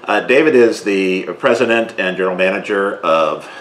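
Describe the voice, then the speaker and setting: Deep-voiced male interview host, echoey room. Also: normal speed. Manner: relaxed, asks long rambling questions with fillers. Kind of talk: casual interview. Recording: echoey room with faint noise.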